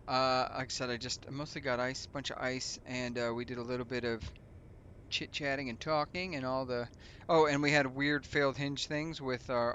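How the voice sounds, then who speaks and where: A man's voice: medium pitch, pushed and bright, dull audio, slight background noise. Rambling, chatty let's-play guy. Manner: rambling and chatty, loose asides and self-mockery. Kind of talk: casual gaming commentary.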